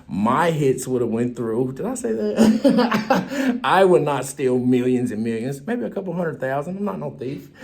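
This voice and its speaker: A man hosting his own show, giving casual political commentary in a loose, joking way and laughing often. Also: a little mellow. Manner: loose, joking, laughs often, swings up high when mocking. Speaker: show host.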